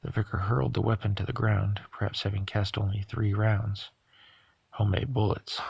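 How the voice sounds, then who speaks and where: A man narrating a novel aloud at a steady pace, sometimes stumbling over a word and correcting himself. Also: fairly low pitch, moderate pace, creaky, husky, dry recording. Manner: steady reading with occasional stumbles and self-corrections. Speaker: audiobook reader. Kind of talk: audiobook narration.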